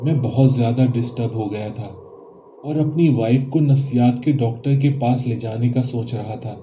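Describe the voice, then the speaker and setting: A man reading a first-person horror story aloud in a calm, measured storytelling manner. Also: mid-range voice, slight background noise.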